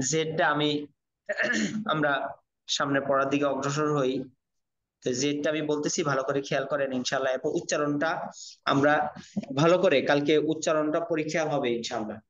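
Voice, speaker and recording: A man's voice: fairly high pitch, a bit bright. Patient man drilling letter sounds. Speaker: Quran reading teacher. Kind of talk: online class lesson. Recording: dull lo-fi audio.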